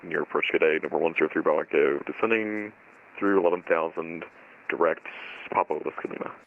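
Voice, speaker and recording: A man's voice: rumbling low, steady tone, quick pace, creaky. A man speaking as a pilot over the radio, giving clipped calls to air traffic control. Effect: pilot radio transmission. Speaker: flight simulator pilot on radio. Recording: narrow tinny radio link.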